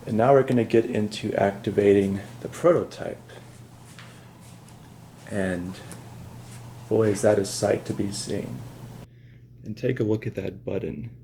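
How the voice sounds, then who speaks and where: A man's voice: on the low side, vocal fry, mellow, a little hiss or hum. A man giving casual, understated and matter-of-fact commentary as he shows and compares collectible props. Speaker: prop collector presenting his animatronics.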